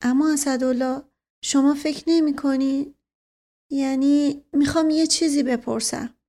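A woman's voice: high-pitched, fairly even intonation, warm tone, voice pushed up. A woman voicing a fretful, lovesick young man who asks hesitant, pleading questions in an audiobook. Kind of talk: audiobook character reading.

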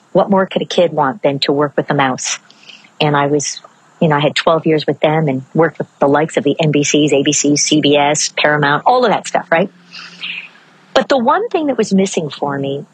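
Older woman, from Maryland, podcast host, low-pitched, breathy, dry close sound, expressive, slow emphasis. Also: dry recording, low-quality recording. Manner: expressive, stretches key words slowly and speeds through asides. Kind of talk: reflective solo podcast monologue. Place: outdoors.

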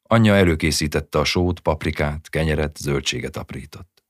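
A man narrating a short story as an audiobook reader with a steady storytelling delivery. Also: a bass voice, dry recording, clean studio sound.

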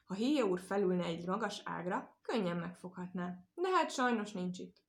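A woman voicing a clever, teasing male hare in a storybook tale, in a light, lively way. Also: on the low side. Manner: teasing, cheeky.

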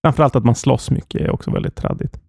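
Brisk gravelly man, quick to disagree. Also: mid-range voice, fairly even intonation, a little mellow, dry recording, clean studio sound. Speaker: podcast co-host. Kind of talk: casual podcast chat.

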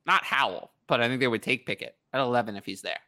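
A man co-hosting a casual sports talk show, chatting in an animated way. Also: medium pitch, fast. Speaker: podcast co-host.

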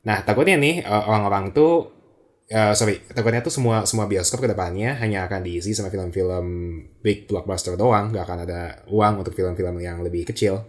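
Low-voiced young Indonesian man, slightly slurred r. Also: brisk. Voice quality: slurred r, a slight speech impediment. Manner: mixes English phrases into casual slang. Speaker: podcast co-host. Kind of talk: casual chat about films.

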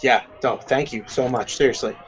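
A man's voice: mid-range voice, steady tone, moderate pace, soft background music, lightly acted. A man voicing a nervous captured informant in a tabletop game, stammering and eager to please. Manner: stammering, anxious, pleading.

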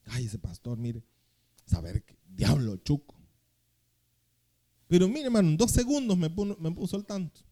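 A young male pastor, preaching a sermon that swings between loud, slow scripture reading and quick, quiet storytelling. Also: sits high, very animated.

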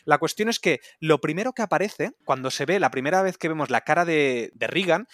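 A man's voice: on the high side, expressive, fairly quick, fairly bright tone, dry recording, studio quality. A man hosting a casual podcast, talking through a film scene by scene and steering the talk along with enthusiasm. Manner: guides the talk forward, enthusiastic. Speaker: podcast host.

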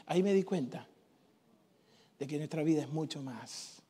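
A man, preaching a sermon in church with emphatic shouts and joking stories. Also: on the high side, moderate pace, slightly rough. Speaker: pastor.

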